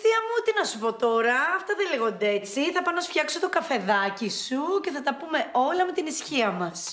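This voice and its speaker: A woman's voice: high-pitched, very animated, fairly bright tone, slight background noise. An actress playing a chatty young woman who coaxes, soothes and placates the people around her in a TV series. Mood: cheerful. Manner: brisk, coaxing, soothing. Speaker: lead character, niece. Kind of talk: TV series acting. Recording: echoey room.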